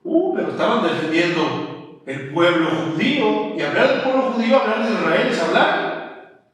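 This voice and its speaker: Mexican pastor preaching in an echoey hall. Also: male voice, sits high, very animated, moderate pace. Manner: emphatic, colloquial preaching, addresses listeners as brother. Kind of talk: sermon. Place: church. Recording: echoey church hall from far off.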